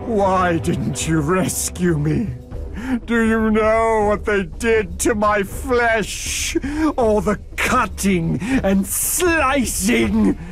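Slow, rasping, menacing orc warrior. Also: male voice, sits high, soft background music, exaggerated voice. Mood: cold menace. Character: tortured vengeful male orc warrior, bitter and menacing.

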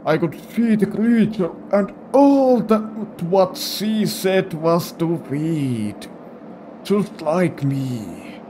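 A man voicing an old grandfather bound to a monstrous creature, speaking slowly and solemnly. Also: high-pitched, lively intonation, noisy background, full character voice. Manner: slow, solemn old-man voice reading game dialogue.

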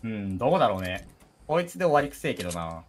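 A man hosting a gaming channel, chatting roughly and excitably with a teammate, often shouting and laughing at enemies. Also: on the low side, fast talker. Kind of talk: casual gameplay chat with a teammate. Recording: noisy game audio behind.

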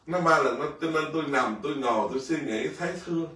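A monk tells a lively story to his listeners, chuckling as he goes and slipping into the voices of his characters. His voice sits a touch high for a man. The recording is roomy and picked up from a distance. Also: fast, a crowd in the background. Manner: lively, laughing, acts out a king and a soldier. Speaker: Buddhist monk teacher. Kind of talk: storytelling dharma talk. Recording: echoey room, voice from a distance.

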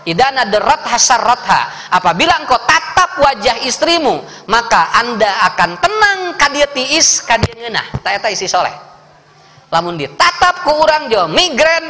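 A man with a Sundanese accent giving a lively, joking sermon, acting out the voices of the people in his stories. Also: extremely high pitch, normal speed. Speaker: preacher. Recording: echoey hall with faint background noise.

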